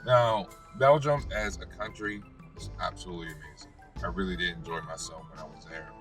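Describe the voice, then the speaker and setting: An American man, a vlogger, casually telling a personal story in a halting, rambling way with self-corrections. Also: low-pitched. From United States. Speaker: vlogger and former basketball player. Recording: distant mic, music behind.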